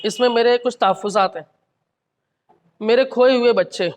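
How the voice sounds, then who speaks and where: A man giving a measured, analytical critique of a short story at a literary gathering, with occasional restarts. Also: very high voice. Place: college hall. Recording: reverberant hall.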